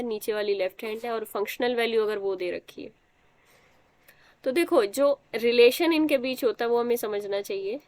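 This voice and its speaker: A woman's voice: medium pitch, dry recording. A young woman teaching a math class, explaining step by step and quizzing students as she goes. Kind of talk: live online math class.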